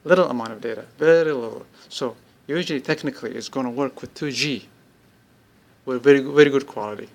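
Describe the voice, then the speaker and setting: Halting and unscripted, this app demonstrator stitches his informal product walkthrough together from brief bursts of speech. He's a man with a mid-range voice.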